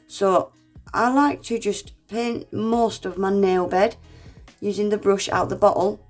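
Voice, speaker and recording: In an unhurried, fairly even mid-range voice that's a little mellow, a congested, unwell woman chats viewers through a nail art tutorial one step at a time. She calls them "guys" and is self-deprecating, with soft music in the background.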